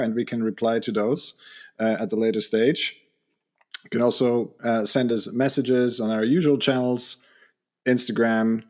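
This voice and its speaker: A man co-hosting a casual podcast chat, easygoing as he hands over questions and wraps up the show. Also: mid-range voice. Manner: easygoing, wraps up the show and invites listener input. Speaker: podcast co-host.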